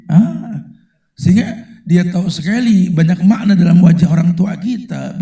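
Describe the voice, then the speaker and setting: Lively preacher, dark voice, echoey hall. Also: male voice, on the high side. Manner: slangy, animated, acts out quoted people. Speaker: Islamic preacher. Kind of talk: casual lively sermon.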